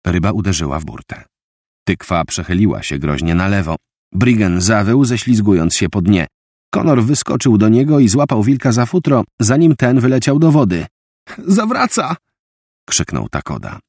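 A man narrating an audiobook with a vivid, expressive reading. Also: fairly low pitch, normal speed, dry recording, studio quality.

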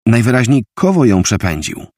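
A man voicing a steady young boy who calmly explains things. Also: medium pitch, moderate pace, husky, dry recording, studio quality, pitched above the performer's own voice. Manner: calm, explaining.

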